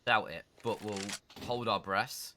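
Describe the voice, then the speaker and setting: A man's voice: fairly low pitch, measured pace, bright, forceful tone. A man commentating live on an esports match in an informal, colloquial caster style. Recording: clear game noise with gunfire.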